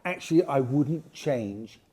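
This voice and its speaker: A man's voice: medium pitch, expressive, slow, mellow. A man hosting a casual interview with his father, asking questions with frequent hesitant restarts. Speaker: podcast host, son of guest.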